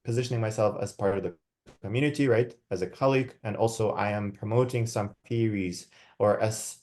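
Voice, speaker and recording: In a fairly low, somewhat mellow voice with fairly even intonation, a young man from Kazakhstan presents an academic guest talk over slides. His delivery is measured and thoughtful, packed with fillers, and he regularly checks in with tag questions.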